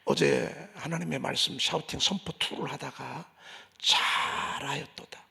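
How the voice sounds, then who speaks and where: A male pastor preaching a sermon in a church, swinging from loud declarations to hushed asides. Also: on the high side, moderate pace, vocal fry. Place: church sanctuary.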